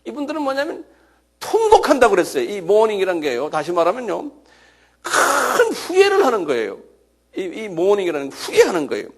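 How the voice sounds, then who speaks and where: A man preaching a sermon as a pastor, animated, with sudden loud shouted cries, often checking the listeners with a quick question. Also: high-pitched.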